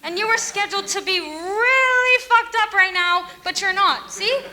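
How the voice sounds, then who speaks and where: A woman's voice: very high-pitched, very noisy. An actress playing an insistent, chirpy young woman who coaxes a friend to stay. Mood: coaxing. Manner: insistent, rapid coaxing. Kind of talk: musical theatre acting.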